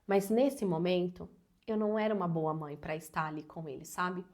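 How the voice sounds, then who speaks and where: A woman's voice: lowish voice, steady tone, normal speed, darkish tone. A woman in her thirties talking earnestly and personally as a parenting educator, with many casual fillers. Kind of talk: advice talk to camera.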